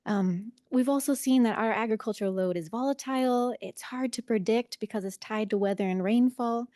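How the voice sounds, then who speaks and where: A woman's voice: a little high, a little fast, dark tone, no echo, clean studio sound. A woman giving a conference presentation, sounding nervous and self-conscious as a first-time presenter.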